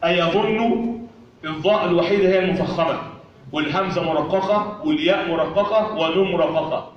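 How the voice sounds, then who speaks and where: Egyptian guy teaching a poem letter by letter, kinda high voice, far off in a boomy room. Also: steady tone, fast talker. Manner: recites poetry, breaks off to correct each letter and repeats words. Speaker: Arabic pronunciation teacher. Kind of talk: recitation lesson with corrections. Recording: very echoey, distant and dull.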